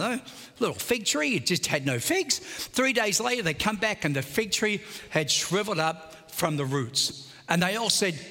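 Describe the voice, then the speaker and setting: A man preaches with a high, bright voice that rings out, leaning hard on every scripture line he reads. His sermon echoes with a long tail through a big church hall. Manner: animated preaching, reading scripture aloud with emphasis. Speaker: pastor. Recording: reverberant large hall.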